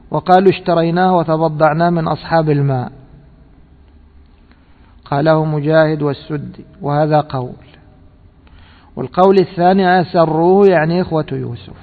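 Male religious teacher, slightly high voice, reads and explains line by line, recorded on a thin tinny line in a reverberant hall. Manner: reads a text aloud and explains it, quizzing listeners with rhetorical questions. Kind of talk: scripture commentary lesson.

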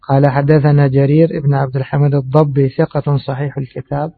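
A man giving a measured religious lesson on hadith, explaining slowly and pausing with fillers. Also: medium pitch, flat delivery, creaky. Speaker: hadith teacher. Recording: tinny phone-like audio.

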